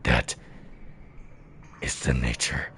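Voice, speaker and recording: A man voicing a solemn, grim warrior of honor for a game, speaking gravely through a face mask. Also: slow pace, fairly bright tone, a little hiss or hum.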